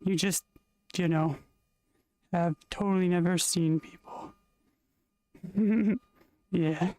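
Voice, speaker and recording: A live streamer with a sick, rough-sounding voice, chatting casually and rambling to viewers, often trailing off into fillers. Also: medium pitch, steady tone, slow pace, warm tone, dry recording. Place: at home in a VR play space.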